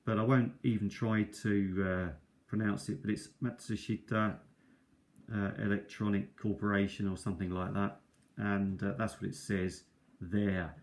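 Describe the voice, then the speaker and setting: Recorded on a tablet's built-in mic at his kitchen table, the host of a cassette collection video presents his tapes casually and without a script. His voice is fairly low with little pitch movement and a measured pace, and he rambles, hesitates and corrects himself a lot.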